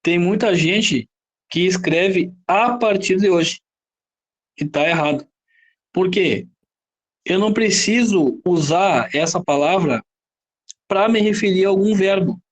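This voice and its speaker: High-voiced Brazilian man teaching grammar. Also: a little slow. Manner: explains with frequent rhetorical questions and "tá?" checks. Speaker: Portuguese teacher. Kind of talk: classroom lecture.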